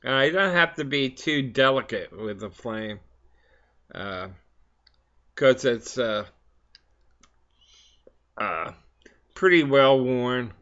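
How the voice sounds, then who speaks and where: A man in a casual, rambling solo chat, speaking haltingly between puffs on his pipe, with frequent hesitant pauses. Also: medium pitch, animated, a bit bright. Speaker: vlog host. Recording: slightly dull, lo-fi sound.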